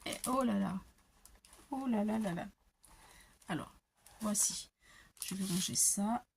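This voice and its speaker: An older woman at home doing a crafting unboxing, gushing over each item and often dropping to soft whispers. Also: mid-range voice, slow, gravelly, background noise. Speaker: crafting vlogger. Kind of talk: unboxing show-and-tell. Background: paper crinkling and handling clicks.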